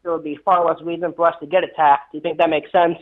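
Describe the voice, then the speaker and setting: A fairly high-pitched young man calls in to a radio show, his voice muffled and dulled by the phone line. He stumbles over his first words, then hurries through a long, run-on question. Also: flat delivery, quick pace, a little hiss or hum. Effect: calling in over a phone line.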